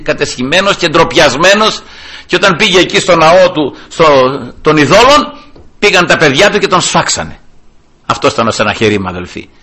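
Emphatic high-voiced male preacher. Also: pushed and bright, slightly rough. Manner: emphatic, rising sharply when quoting scripture; addresses listeners as brothers. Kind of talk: sermon.

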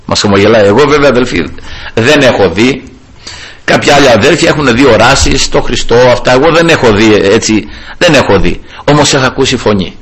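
Husky-voiced man preaching fervently. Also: medium pitch, a bit bright. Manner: fervent, repeats praise refrains and addresses the brethren. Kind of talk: sermon.

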